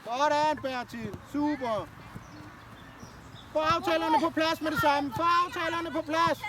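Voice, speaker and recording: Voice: sits high, a loud crowd. A youth football coach on the sideline during a match, calling out players' names to urge them on and praise them. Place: outdoor football pitch. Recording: outdoor field with clear noise.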